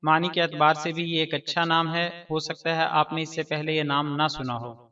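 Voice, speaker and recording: A man hosting an informational channel, reading a scripted explainer in a measured way and slowly spelling out pronunciation. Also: on the high side, flat delivery, pushed and bright. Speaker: channel host. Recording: distant, dull lo-fi voice-over.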